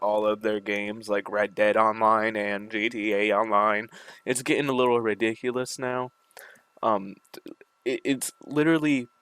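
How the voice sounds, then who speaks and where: Dude ranting about games w a slight retainer lisp, smooth clear voice, dry sound. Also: male voice, mid-range voice, a bit bright, no room sound. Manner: annoyed, ranting, swears freely, repeats words. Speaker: gaming video creator. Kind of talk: casual rant to camera.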